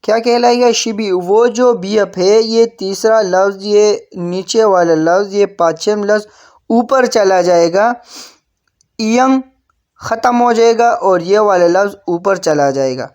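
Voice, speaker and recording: A woman's voice: medium pitch, darkish tone, muffled recording. A woman from Pakistan giving an online language lesson, patiently repeating key words and addressing viewers as friends. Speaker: Korean language teacher.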